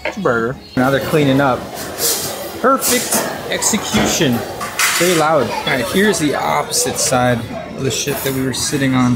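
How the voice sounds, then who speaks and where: A young man vlogs from a cruise ship in a casual, upbeat way, filming on a handheld camera. His voice is medium-pitched and moderately paced. The audio is poor, with background music playing over him.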